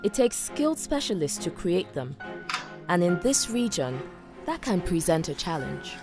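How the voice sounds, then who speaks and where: A woman's voice: lowish voice, sing-song, moderate pace, over loud music. A woman reading scripted narration for a television news feature. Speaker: narrator, reporter.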